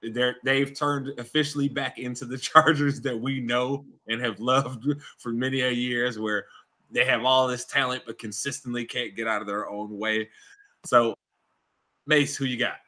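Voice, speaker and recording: Young male host, bright forceful tone, animated slangy football chat. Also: mid-range voice, moderate pace. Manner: animated, laughs often, slangy. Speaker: podcast host. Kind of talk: casual sports picks chat.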